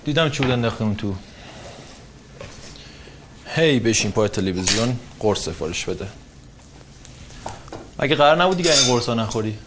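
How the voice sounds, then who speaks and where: A man's voice: medium pitch, expressive, long pauses, background noise, natural voice. An actor playing a resentful young adult son in a film drama, bitter and accusatory toward his mother.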